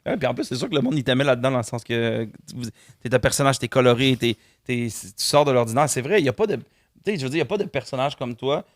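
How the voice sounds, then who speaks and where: A man with a Quebec French accent co-hosting a casual talk show in an animated, playful, enthusiastic gossip-session manner. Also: mid-range voice, quick pace, dry recording, studio quality.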